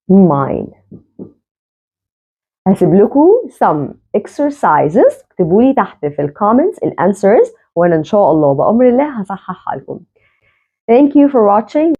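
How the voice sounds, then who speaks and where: A woman with an Egyptian Arabic accent teaching an English grammar lesson, repeating words slowly so learners can follow. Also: on the low side, slightly rough. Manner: slow, repeats words to drill them. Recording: tinny phone-like sound.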